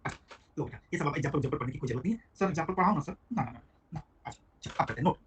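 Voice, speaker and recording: A man teaching a live online tax class, talking quickly and calling on students by name. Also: medium pitch, animated, a little hiss or hum. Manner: rapid, chatty, addresses students by name. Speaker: GST teacher.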